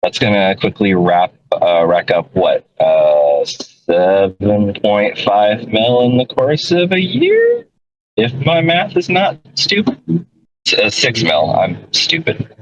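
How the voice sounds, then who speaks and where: Calling in from his moving car, a man co-hosts a casual podcast, rambling, correcting himself, and chuckling often. His voice sits on the low side and is very animated but slow, with no room sound. The phone call audio is dull and lo-fi.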